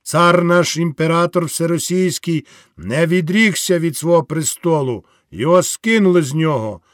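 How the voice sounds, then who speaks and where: Wounded soldier agitator, voiced by a man, fiery, declaiming, raised high voice, dry close sound. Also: normal speed, no echo, natural voice. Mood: fiery, rousing. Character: wounded male soldier rousing a crowd.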